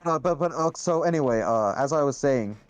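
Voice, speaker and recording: A man's voice: medium pitch, expressive, a little fast, clear, resonant tone, no room sound. Young male debater, casual, hedges and says "right?" a lot; dry, close recording. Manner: hedging, restarts often, says "right?".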